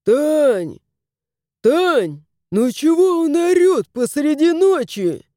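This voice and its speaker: A tired, irritable husband, as a woman puts him on complains loudly about being woken at night. The voice climbs high in exasperation over a soft, dark tone. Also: big pitch swings, very slow, dry recording, studio quality, exaggerated voice. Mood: exasperated. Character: sleepy, irritated middle-aged husband. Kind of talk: audiobook character voice.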